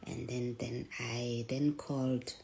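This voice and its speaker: A middle-aged woman telling a personal story in a soft, hushed voice that often drops to a near whisper. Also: very deep voice, little pitch movement, slow, vocal fry, rough recording.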